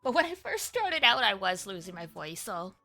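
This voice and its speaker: A young woman streamer chats casually and talkatively, rambling along with lots of fillers. Her medium-pitched voice is very animated and moves at a moderate pace. Soft cafe music plays in the background.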